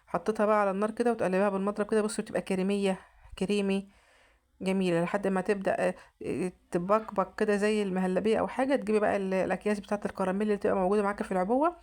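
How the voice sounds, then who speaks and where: Fast-talking Egyptian woman vlogger. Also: mid-range voice, fairly even intonation, darkish tone. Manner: chatty, repeats and restarts often. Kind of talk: casual cooking narration.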